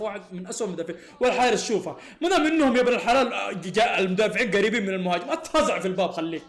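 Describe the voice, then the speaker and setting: A man, reacting live to a football match, excitable and exasperated, often laughing. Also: sits high, reverberant.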